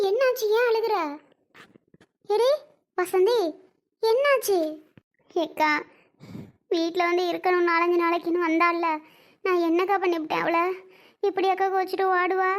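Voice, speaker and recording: A woman playing a tearful, hurt sister-in-law in a family drama skit, pleading and asking the same questions over and over. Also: extremely high pitch. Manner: pleading, repetitive complaining questions.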